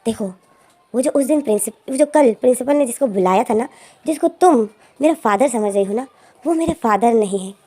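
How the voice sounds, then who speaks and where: A woman's voice: a little high, expressive, a little fast, warm tone. A woman voicing a moody, short-tempered young male student who answers curtly and with irritation. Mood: irritated. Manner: curt, irritated replies.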